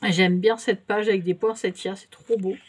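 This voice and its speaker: A husky, medium-pitched voice with fairly even intonation and normal speed belongs to a French-speaking woman doing a casual haul video. She shows her shopping to viewers, hesitating slightly and using many fillers.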